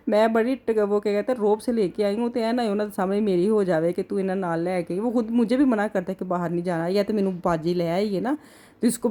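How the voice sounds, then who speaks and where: A woman's voice: mid-range voice, dark tone. A middle-aged woman from Pakistan with a Punjabi accent, chatting casually and rambling through a vlog. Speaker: vlogger.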